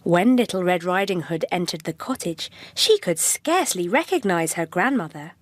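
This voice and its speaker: Expressive woman narrating a fairy tale. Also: fairly low pitch, normal speed. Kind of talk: storybook narration. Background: background music.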